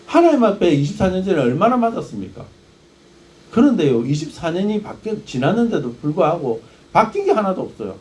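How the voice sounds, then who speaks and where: A man's voice: high voice, sing-song, brisk, darkish tone. A male pastor preaching a sermon, firing rhetorical questions at the congregation.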